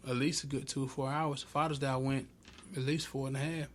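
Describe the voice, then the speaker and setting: A man's voice: medium pitch, flat delivery, brisk. Man talking casually. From small town in Georgia, US. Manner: conversational, colloquial. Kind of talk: casual group discussion.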